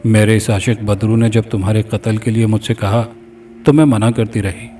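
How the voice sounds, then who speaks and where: A man's voice: fairly low pitch, fairly even intonation, mellow, close to an everyday voice. A man voicing a sorrowful young woman's ghost who speaks earnestly. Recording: distant mic, faint background music.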